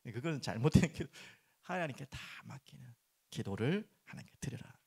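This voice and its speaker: A middle-aged man preaching a sermon as pastor, turning expressive when he acts out prayers and dropping soft and low for earnest points. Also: moderate pace, vocal fry, slightly rough. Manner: animated, acts out prayers and complaints in raised voice.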